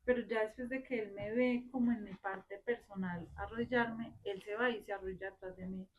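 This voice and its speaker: A woman's voice: medium pitch, a little fast, muffled recording, slight background noise. A woman with a Colombian Spanish accent, a mother in a church class, telling personal stories expressively and acting out the dialogue. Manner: expressive, narrates with quoted dialogue. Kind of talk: sharing a personal story in discussion.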